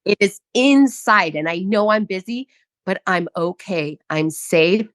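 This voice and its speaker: A woman hosting a podcast, telling a personal story in a candid, animated way and swearing casually. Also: medium pitch, a little slow, no echo. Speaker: podcast host.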